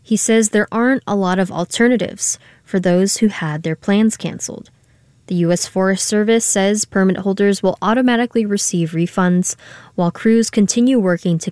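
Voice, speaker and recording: A woman radio reporter reading a scripted news story in a clear, even way. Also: medium pitch, moderate pace, dry recording.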